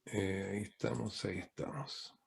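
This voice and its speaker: A man's voice: on the low side, steady tone, moderate pace, creaky, slightly rough. A man, a guest pastor, preaching a teaching sermon over a video call, asking rhetorical questions and often ending points with a questioning tag.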